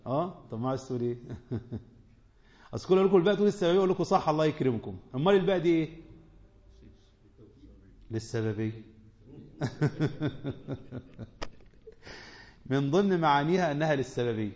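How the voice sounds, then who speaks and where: Lively Egyptian sheikh teaching a class. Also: male voice, a little high, quick pace, long pauses. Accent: Egyptian Arabic. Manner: animated, asks the audience questions, repeats short phrases for emphasis. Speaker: sheikh teaching a tafsir lesson. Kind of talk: colloquial religious lesson. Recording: dull, lo-fi sound.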